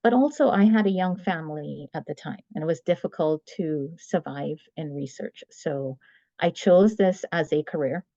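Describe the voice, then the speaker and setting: A woman in her forties from Trinidad and Tobago, giving a measured, explanatory webinar talk as guest speaker over a video call. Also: deep voice, warm tone, dry recording, dull audio. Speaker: guest speaker, medical writer. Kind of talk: webinar presentation.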